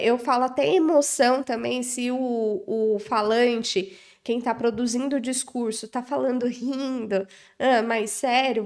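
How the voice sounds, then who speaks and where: Young woman, high voice, English tutor, explains step by step, checks in often. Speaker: English teacher and mentor. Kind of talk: online lesson on study techniques.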